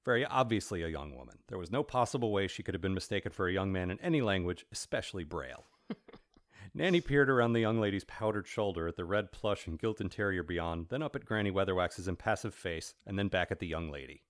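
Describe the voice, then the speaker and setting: A man co-hosting a relaxed book podcast, with a deep, low voice. He rambles and restarts as he talks things through. When he reads, he narrates at length. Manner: rambling, halting, with many restarts. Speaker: podcast co-host. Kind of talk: casual book discussion and reading aloud.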